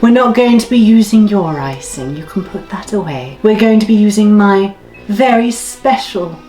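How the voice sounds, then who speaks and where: A woman's voice: medium pitch, lively intonation, normal speed, mellow, echoey room, soft background music, lightly acted. A woman playing a prim, sadistic middle-aged schoolteacher in a comedy parody, bossy and sugary in her condescension. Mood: condescending. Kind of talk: comedy parody role-play.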